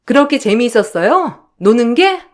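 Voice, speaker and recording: A woman's voice: on the high side, sing-song, moderate pace. A spoiled young sister-in-law, as a woman narrator puts her on, needles with snide sarcasm. This is a radio drama. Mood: sarcastic.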